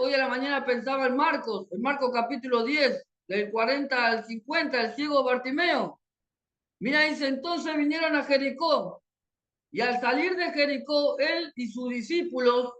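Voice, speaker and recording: A woman with an Argentine accent delivers a sermon over a video call. Her voice sits high, and her tone is earnest and pleading. She keeps returning to a little filler that pulls her listeners closer. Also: fairly bright tone. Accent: Argentine Spanish. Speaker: preacher.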